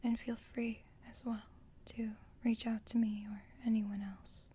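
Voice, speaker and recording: The speaker is a woman in an ASMR roleplay as a vampire coven leader, calm, formal and caring. Her breathy whisper is a little high, measured and gentle, with a reassuring feel.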